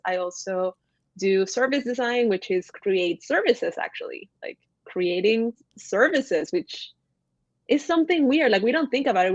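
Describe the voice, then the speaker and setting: A woman's voice: medium pitch, no room sound. Woman from Ecuador, podcast guest, chatty, enthusiastic, dull dry call audio. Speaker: podcast guest, graphic designer. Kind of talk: casual video-call chat.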